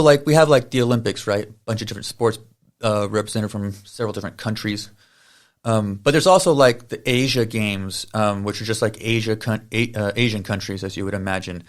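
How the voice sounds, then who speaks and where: Rambling male podcast host. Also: fairly low pitch. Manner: rambling, many fillers and tangents. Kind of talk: casual podcast intro and interview.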